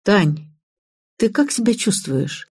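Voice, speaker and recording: A woman's voice: medium pitch, very animated, slow pace, a little mellow, slightly rough, dry recording, studio quality, voice pushed up, full character voice. A woman reading the part of a puzzled young man on the phone, answering in short, confused questions. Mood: bewildered.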